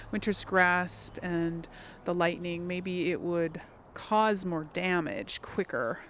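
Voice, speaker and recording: This woman's voice is fairly low in pitch yet fairly bright in tone, with a little hiss or hum in the background. She hosts a role-play playthrough, giving casual commentary and thinking aloud hesitantly, often trailing off.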